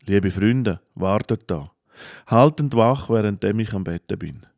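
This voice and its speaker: A man doing a gentle, earnest Jesus with a lilt. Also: lowish voice, unhurried, dry recording, studio quality. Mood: pleading. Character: Jesus, gentle grown man, calm and sad.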